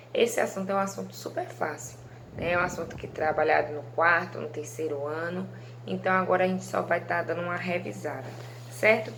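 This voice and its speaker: A woman with a lowish voice gives a recorded video lesson, addressing her pupils fondly. She drags out key syllables for emphasis and keeps tagging her sentences with quick checks. A faint hiss sits under the recording. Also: creaky. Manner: affectionate, drawn-out emphasis on stressed syllables; frequent tag questions like "né?" and "certo?". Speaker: primary school teacher.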